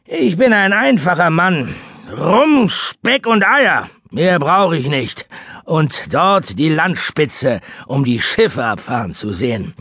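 A man voicing a coarse, domineering old sea captain in a rough, barking sailor's manner for an audiobook. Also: on the high side, very animated, takes it slowly, sharp tone, no echo, studio quality, voice pushed up, heavily acted. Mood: gruff.

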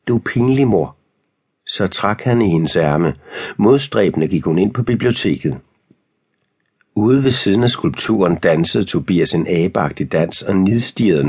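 A man reading a teen thriller audiobook in measured scripted narration. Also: sits low, darkish tone, breathy edge.

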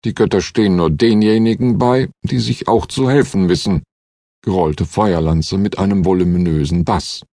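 A man voicing a gruff, commanding male warrior with a booming bass, in an audiobook. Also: normal speed, warm tone, dry recording, studio quality. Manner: booming, stern.

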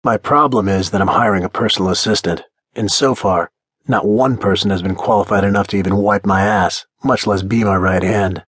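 A man's voice: lowish voice, fairly even intonation, brisk, fairly bright tone, slightly rough, no echo. A man narrating a first-person audiobook in a blunt, confident manner.

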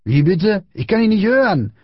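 Man putting on a loud jeering school bully. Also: sits high, very animated, normal speed, husky, no room sound, lo-fi sound, voice pushed up, full character voice. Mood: taunting. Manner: jeering, aggressive shouting.

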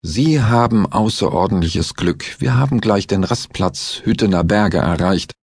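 A composed doctor-investigator in an audiobook thriller, as a man reads him, his mockery dry and amused. The voice stays fairly low and husky, close and dry with no room around it. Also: a little slow, a little mellow, dry recording, full character voice.

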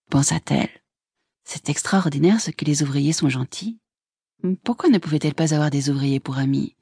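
Audiobook narrator, woman, low-pitched, measured reading. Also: warm tone, slightly rough, dry recording, studio quality.

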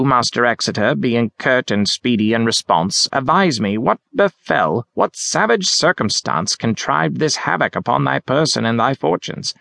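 A narrator putting on a quaint, stooped old gentleman who speaks in courtly archaic flourishes, lifting his voice well above the storyteller's own. The delivery is theatrical and elaborate, as if quoting an old play. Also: mid-range voice, vocal fry, no echo, voice pushed up. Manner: florid, mock-Shakespearean, courtly.

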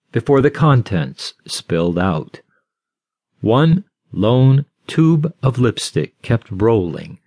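Slow, measured male audiobook narrator. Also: mid-range voice, darkish tone, dry recording, clean studio sound. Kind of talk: scripted narration.

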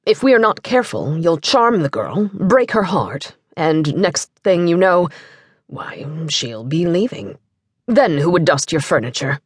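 A woman reading an audiobook does a cool, commanding gentleman with a lowered voice. He speaks in clipped, direct lines with quiet menace. The recording is dry and close. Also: big pitch swings, unhurried, breathy edge, no room sound, heavily acted. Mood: mocking.

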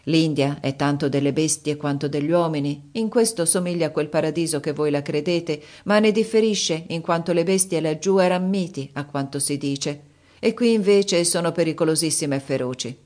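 A woman voicing a seasoned male officer in an audiobook, dry and matter-of-fact, giving orders in a low voice. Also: normal speed, darkish tone, lightly acted. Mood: calm.

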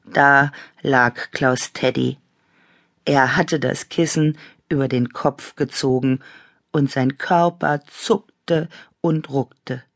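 A woman, the author, calmly and expressively narrating a children's audiobook. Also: extremely low pitch, takes it slowly, no echo, clean studio sound. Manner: calm, storytelling, expressive. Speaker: author reading her own book.

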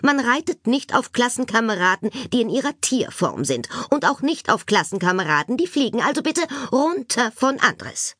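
A woman's voice: medium pitch, sing-song, moderate pace, husky, no echo, studio quality. A woman reading an audiobook, voicing a strict but kindly female schoolteacher who lays down rules firmly. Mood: stern. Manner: firm, instructive. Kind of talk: audiobook character voice.

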